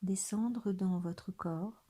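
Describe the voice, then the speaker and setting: A woman leads a body scan meditation in a soft, breathy, almost whispered mid-range voice. As the meditation guide, she is gentle and soothing and leaves long pauses.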